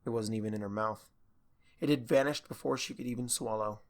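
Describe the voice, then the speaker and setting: Man, narrator, fan fiction audiobook, middle pitch, steady storytelling. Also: a little fast.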